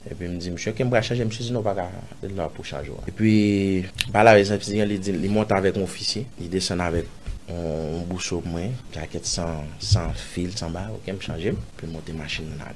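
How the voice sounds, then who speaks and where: A man with a Haitian accent, an interview guest recounting a personal story, acting out other people's lines with sudden loud jumps and dropping to murmurs. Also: fairly quick, a little hiss or hum. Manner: animated, acts out others' lines in raised voice; drops to low murmurs and whispers.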